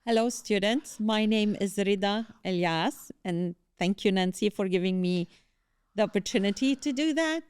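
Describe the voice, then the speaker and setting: A woman professor from Lebanon, giving a steady, orderly account of her career as an interview guest. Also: medium pitch, normal speed, smooth, dry recording, clean studio sound. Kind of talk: interview answers.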